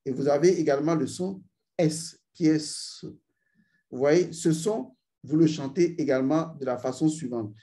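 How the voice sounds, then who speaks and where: A man teaching a spiritual ritual, speaking slowly and intoning drawn-out vowel sounds for his students. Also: fairly high pitch, dark tone. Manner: addresses learners directly, repeats "vous voyez". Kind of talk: esoteric ritual instruction.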